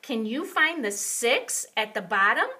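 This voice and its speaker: A high-voiced woman in the manner of a kids show host. She teaches little ones slowly, with encouraging praise and sing-song questions addressed straight to them. Her delivery swoops up and down. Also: sing-song, bright, forceful tone, husky. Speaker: children's counting teacher and host.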